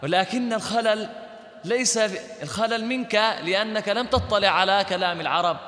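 A man teaching Quran recitation in a lecture, explaining step by step, checking that students follow, and slowly chanting example verses. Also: high voice, pushed and bright, reverberant, long reverb tail.

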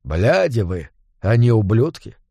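A man voicing a bitter, sulky male tavern keeper who complains in a lowered, glum voice. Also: lively intonation, normal speed, a little mellow, no room sound, muffled recording, natural voice.

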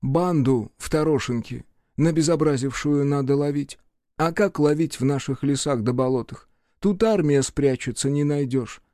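A man's voice: fairly high pitch, moderate pace, warm tone, no room sound, studio quality, pitched above the performer's own voice, lightly acted. A man voicing a fussy, ceremonious middle-aged town official who talks politely and pleads. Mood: complaining.

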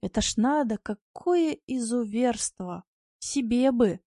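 Brief: brash hot-headed yard tomcat, voiced by a woman reader; gruff, blunt, a bit raised. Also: on the high side, animated, slow pace, warm tone, dry recording, studio quality, heavily acted. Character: rough, brash yard tomcat, quick-tempered.

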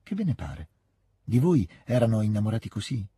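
A man with a husky voice voicing a lively, teasing young noble girl in a literary reading. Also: lowish voice, brisk, no room sound, studio quality, exaggerated voice. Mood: playful. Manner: playful, insistent, coaxing.

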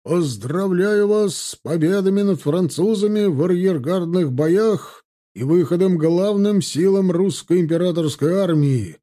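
A high-ranking general speaks in a strong, ringing, sonorous voice, as a male audiobook reader puts him on. The tone is warm and dark, with the weight of command. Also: very animated, unhurried. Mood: rousing. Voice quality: loud, sonorous. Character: commanding old general greeting his troops. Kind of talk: audiobook character voice.

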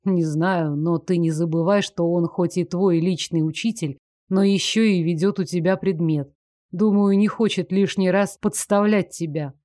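A woman voicing a self-assured nobleman who speaks low and unhurried, with dry close sound. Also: steady tone, dark tone, dry recording, close to an everyday voice. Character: calm self-assured nobleman, gently commanding. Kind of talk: audiobook character voice.

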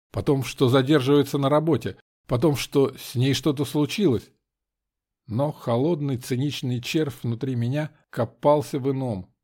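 A man reading a first-person audiobook in a measured, dramatic way. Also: medium pitch, a little mellow. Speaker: audiobook narrator.

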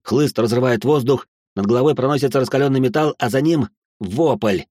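A man's voice: medium pitch, a little fast, a little mellow, no room sound, clean studio sound. A man narrating a tense, action-filled story in the first person.

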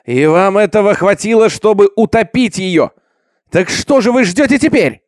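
A man's voice: mid-range voice, animated, quick pace, no room sound, clean studio sound, lightly acted. A man voicing an enraged young farmhand. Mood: furious. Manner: shouting, accusing. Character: furious young farmhand defying his master.

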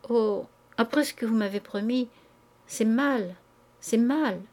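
A woman's voice: fairly high pitch, takes it slowly, darkish tone. A woman reading aloud, voicing a timid married society woman who refuses in breathless, faltering words. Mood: flustered.

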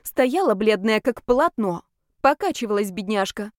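A woman voicing a sharp-tongued, indignant young mother. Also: mid-range voice, animated, moderate pace, no room sound, clean studio sound, natural voice. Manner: indignant, scolding.

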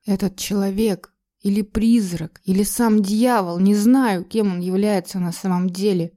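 A woman reads a dark first-person tale with emotional tension in her delivery. Her voice is mellow and warm, sitting at an ordinary mid pitch. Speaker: narrator. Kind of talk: dramatic audiobook narration.

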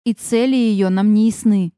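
A woman voicing a suspicious, sharp-tongued young fairy woman who speaks with mockery. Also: medium pitch, fairly even intonation, normal speed, smooth, no room sound, clean studio sound, voice pushed down, natural voice. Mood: scornful. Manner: mocking, scornful.

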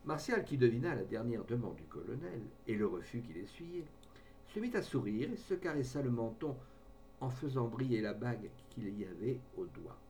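A man reading a classic French novel aloud in measured, even narration. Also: mid-range voice, slight background noise. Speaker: audiobook reader.

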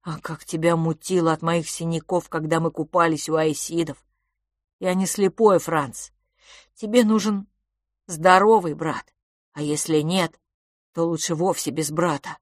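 A woman's voice: low-pitched, fairly even intonation, a little slow, no room sound, studio quality. A woman voicing Philipp, a frail and sickly boy who speaks bitterly and wearily, with sighs. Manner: bitter, sighing, subdued.

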